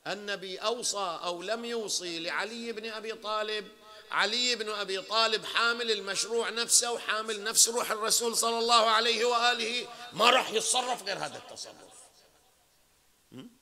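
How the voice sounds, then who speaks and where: A man's voice: high voice, brisk, bright, forceful tone. A man with a Bahraini Arabic accent giving a religious lecture in a conversational way, often checking in with his listeners and building to emphatic peaks. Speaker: sheikh lecturing at a mourning hall.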